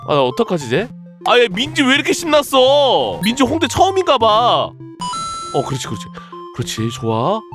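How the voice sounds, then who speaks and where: A woman's voice: fairly high pitch, huge pitch swings, moderate pace, music in the background. A woman streaming a casual game, giving playful commentary and scolding the game pieces as if they were children.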